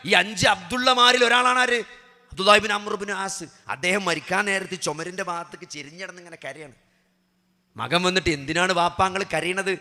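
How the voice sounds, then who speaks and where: A man preaches with passion, dropping to a hush and then rising to loud emphasis. His voice sits high and is very bright and cutting. The sermon rings out with a long hall reverb. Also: fairly quick. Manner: impassioned, swings from hushed to loud emphatic preaching; rhetorical questions to the audience. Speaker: Islamic preacher.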